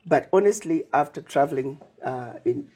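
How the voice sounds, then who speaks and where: Her low voice is warm and husky, animated at a normal speed. This Zimbabwean Pan-African advocate, a guest on an interview, lays out her plans as lists, recounts conversations, and speaks with emphasis.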